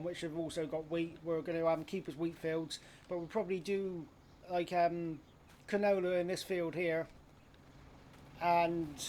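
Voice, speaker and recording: Blokey man, higher-pitched voice. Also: a little mellow, slight background noise. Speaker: live streamer. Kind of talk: casual game livestream commentary.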